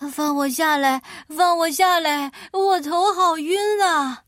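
A woman's voice: high-pitched, slow, a bit bright, dry recording, studio quality, voice pushed up. A woman voicing a panicky, pleading tin man in a children's storybook. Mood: panicked.

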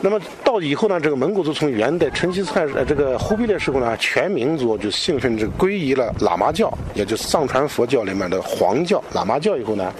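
Outdoors, a local guide and culture expert explains things off the cuff to an interviewer in a mid-range, sing-song voice. He's halting, repeats phrases, and uses lots of filler particles. The location recording is noisy.

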